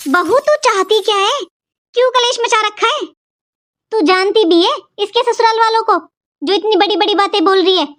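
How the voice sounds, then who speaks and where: Give me a woman voicing a nagging, high-pitched mother-in-law. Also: normal speed, a bit bright. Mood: scolding. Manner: nagging, accusing, lecturing. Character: scolding elderly mother-in-law, sharp-tongued and blaming. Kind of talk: Hindi cartoon voice acting.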